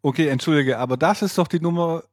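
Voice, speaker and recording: A man's voice: on the high side, fast, no echo, clean studio sound. A male podcast co-host chatting casually, making wry jokes. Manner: wry, joking. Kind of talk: casual chat.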